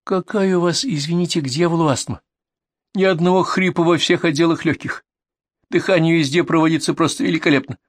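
A man's voice: fairly high pitch, steady tone, fairly quick, dry recording, pitched above the performer's own voice, natural voice. A man playing a blunt, irritated male ambulance doctor who speaks curtly, recorded dry. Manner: curt, irritated.

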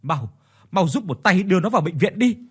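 Panicked stammering father, voiced by a narrator, urgent, husky, pitch jumping up. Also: big pitch swings, brisk, a bit bright, full character voice.

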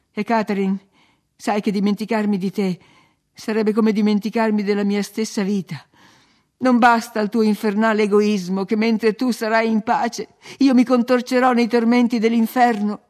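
A tormented young man in a storybook reading, fierce and anguished, his lines loud and strained, as a woman reader voices him. The voice stays fairly high. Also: natural voice. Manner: shouting, tormented, intense.

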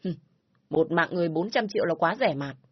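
A woman voicing a hostile, shouting middle-aged man in a spoken story, with a husky voice. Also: on the low side, expressive, fairly quick, no room sound, lo-fi sound. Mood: furious. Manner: shouting, threatening.

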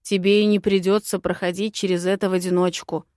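A woman reading an audiobook voices a calm, earnest young dragon prince who speaks with steady persuasion. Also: lowish voice, fairly quick, no room sound, clean studio sound, natural voice.

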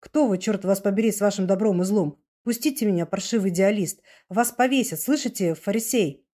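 A woman voicing a cornered older male provocateur who wheezes and spits out his words hoarsely. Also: mid-range voice, brisk, mellow, natural voice. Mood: desperate, hoarse.

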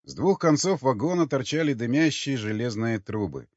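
A man narrating an audiobook with lively storytelling. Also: medium pitch, moderate pace, no room sound. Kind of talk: scripted narration. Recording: dull lo-fi dry recording.

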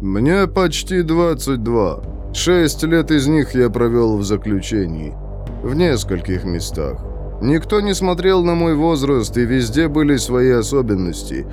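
A detached young convict in his twenties lays out the rules of survival slowly and evenly, as a male audiobook reader puts him on. His delivery is measured and lecturing, his pitch rising and falling freely. A faint music bed runs underneath. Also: sing-song, darkish tone. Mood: calm lecturing. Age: 20s.

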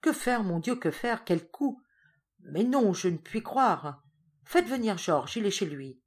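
A woman reading an audiobook voices an irascible, lonely aging father who speaks in loud, indignant outbursts. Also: mid-range voice, lively intonation, measured pace, breathy edge, pitched above the performer's own voice. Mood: distraught.

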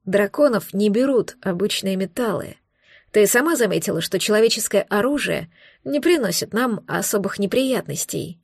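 A woman's voice: medium pitch, lively intonation, normal speed, creaky, dry recording. A woman voicing a wounded male dragon in human form who grumbles with dry, mocking irony, in an audiobook. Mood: grumpy, mocking. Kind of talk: audiobook dialogue.

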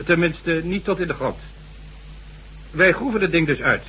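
A man acts the part of a condescending, sardonic official in Dutch radio drama, giving a formal, measured lecture that recounts events. His slightly high voice is pushed and bright at a normal speed, on a low-quality old radio recording with faint hum and noise.

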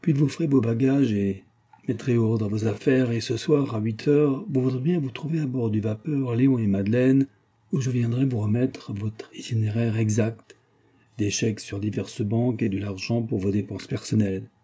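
A man reading the lines of a cordial, enthusiastic little businessman with a courteous, warmly persuasive manner in an audiobook. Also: medium pitch, steady tone, normal speed, breathy edge, natural voice. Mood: jovial.

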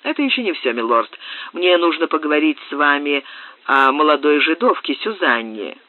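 A man's voice: fairly high pitch, big pitch swings, normal speed. A man reading the part of a scheming blind man who speaks respectfully in an audiobook. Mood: deferential. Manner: respectful, sly. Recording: tinny, dry, phone-like audio.

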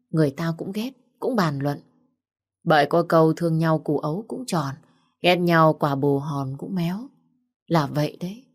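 A woman narrating a story audiobook in a steady, even-paced reading. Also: low-pitched, slightly rough.

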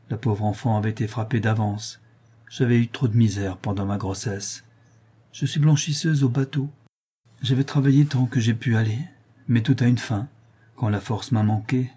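A man reading as la Lorraine, a sad, husky young washerwoman. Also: mid-range voice, natural voice. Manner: soft and plaintive, telling her misfortunes. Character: poor young laundress in a hospice, sad and gentle.

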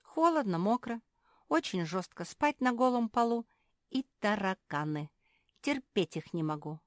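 A woman voicing a cheerful, sensible female dog who talks briskly and wryly. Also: medium pitch, animated, no echo, clean studio sound, voice pushed up, close to an everyday voice.

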